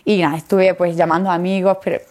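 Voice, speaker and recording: A woman's voice: on the low side, level tone, fast talker, darkish tone. A young woman from Jerez with an Andalusian accent, a flutist guest in a casual interview, telling her story with animation, acting out what she said back then and laughing often. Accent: Andalusian Spanish. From Jerez, Spain.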